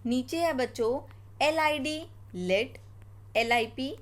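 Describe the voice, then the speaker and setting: A woman with an Indian accent teaching phonics to children, sounding out letters and words slowly. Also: high-pitched, expressive.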